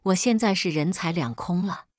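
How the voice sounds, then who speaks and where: A woman narrating a dramatic family story in an expressive, emotional way. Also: on the low side, moderate pace, no echo, studio quality.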